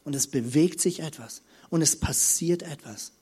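High-voiced preacher. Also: male voice, moderate pace, breathy edge. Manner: emphatic, swings between loud passion and quiet intimacy. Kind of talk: sermon.

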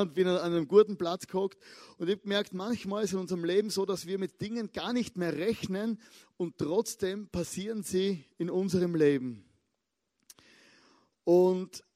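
A young man giving a lively, casual sermon, chatting with asides and stretching key words slowly for emphasis. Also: high voice, no room sound, studio quality. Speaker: pastor.

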